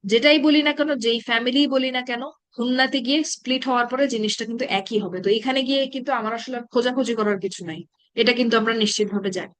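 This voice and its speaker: A woman with a fairly high voice leads an online grammar lesson. She talks patiently, keeps checking that her students follow, and recites verb forms one by one. The recording sounds close and dry. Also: fairly bright tone, no echo. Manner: patient, checks understanding often, recites verb patterns slowly. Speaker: Arabic grammar teacher. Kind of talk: live online class teaching.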